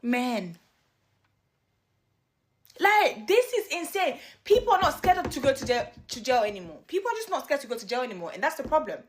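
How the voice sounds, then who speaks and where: A woman's voice: sits high, big pitch swings, moderate pace, slight background noise. A woman giving an outraged, emphatic commentary. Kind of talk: indignant commentary.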